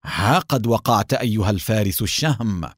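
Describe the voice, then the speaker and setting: A man's voice: fairly low pitch, lively intonation, brisk, dry recording, clean studio sound. A man reading a story voices a confident young detective hero. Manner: confident, determined.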